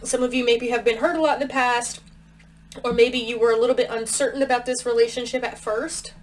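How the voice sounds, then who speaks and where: A woman's voice: on the high side, steady tone, fairly quick, low-quality recording. Chatty woman giving a tarot reading. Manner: chatty, thinks aloud with fillers and restarts. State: talking around a cough drop. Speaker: tarot reader. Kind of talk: casual tarot reading to camera.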